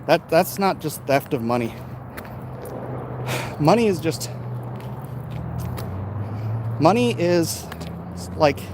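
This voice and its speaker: This American vlogger has a voice on the high side and is very animated, yet slow and prone to frequent pauses. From his backyard, he reads and answers viewer comments on a live stream in a casual, opinionated, emphatic, off-the-cuff way. The outdoor recording is noisy with urban ambience and traffic.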